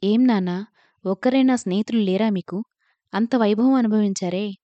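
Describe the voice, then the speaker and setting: A woman's voice: medium pitch, normal speed, dark tone, no room sound, natural voice. A woman reading the lines of a bewildered young daughter, questioning and hurt. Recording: dull lo-fi recording.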